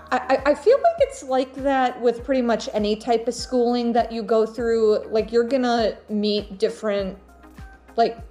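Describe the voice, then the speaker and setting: A woman's voice: fairly high pitch, mellow. A young woman vlogger chatting casually and telling personal stories, often stopping and repeating her words as she goes. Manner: halting, repeats words and phrases.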